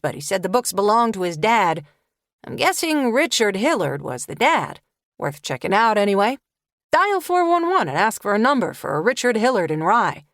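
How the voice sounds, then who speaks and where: A woman's voice: fairly high pitch, fairly bright tone, no echo, clean studio sound. A woman narrator voicing a chatty, teasing male friend in an audiobook. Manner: teasing, casual.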